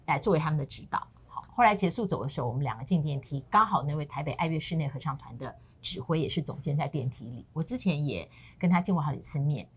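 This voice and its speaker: A woman's voice: deep voice, expressive, fast talker, husky. A middle-aged woman co-hosting a casual talk show, telling stories animatedly and acting out the people she quotes. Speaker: co-host.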